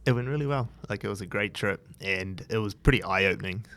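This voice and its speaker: Guest, NZ man, 30s, low voice, easygoing and rambling with lots of "like". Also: fairly quick, sharp tone. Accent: New Zealand. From New Zealand. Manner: loose and rambling, many fillers and restarts. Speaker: guest, entrepreneur. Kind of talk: casual interview chat. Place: his office.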